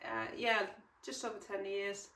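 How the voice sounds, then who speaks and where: A middle-aged woman chats easily about her knitting, with plenty of ums and restarts. She sits a little back from the mic, and the room gives her voice a noticeable echo. Her pitch sits in an ordinary middle range. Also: little pitch movement, measured pace, gravelly, bright, forceful tone. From Finland. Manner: chatty, rambling, with frequent ums and self-corrections. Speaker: knitting podcast host. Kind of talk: casual chat. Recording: roomy echo, mic at a distance.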